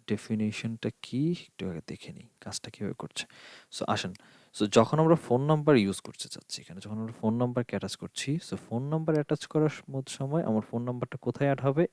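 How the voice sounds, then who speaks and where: A man's voice: medium pitch, darkish tone, no room sound, studio quality. A man teaching an online course, explaining screen steps one by one and asking himself questions as he goes. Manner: explains step by step with rhetorical questions, mixing in English. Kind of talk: screen-share tutorial.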